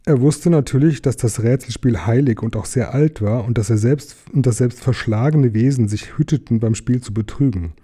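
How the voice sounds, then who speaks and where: Male audiobook narrator, deep-toned and warm, measured storybook delivery. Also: husky. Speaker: audiobook reader.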